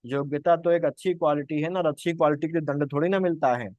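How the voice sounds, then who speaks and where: A man's voice: a little high, fast talker, a little mellow, dry recording, lo-fi sound. Male tutor asking and answering his own questions. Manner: asks questions and answers them himself, repeats points. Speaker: exam-prep Hindi teacher. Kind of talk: explaining grammar answers to exam questions.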